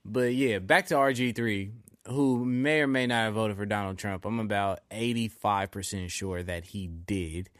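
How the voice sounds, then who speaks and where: A man co-hosting a sports podcast in loose, profane casual chat, telling animated stories. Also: fairly low pitch, moderate pace, no room sound, studio quality. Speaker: podcast co-host.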